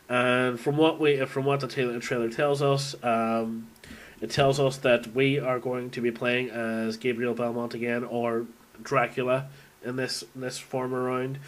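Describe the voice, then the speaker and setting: Over poor audio, a man with a mid-range voice records an audio log as a video game fan. His monologue is casual and unscripted, rambling as he thinks aloud.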